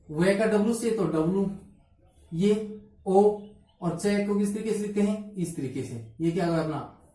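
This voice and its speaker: Woman teacher, phonetics drill, mellow voice, self-answering questions, distant mic in an echoey room. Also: on the low side. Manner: asks questions and answers them herself, spells letters out. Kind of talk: phonetics lesson.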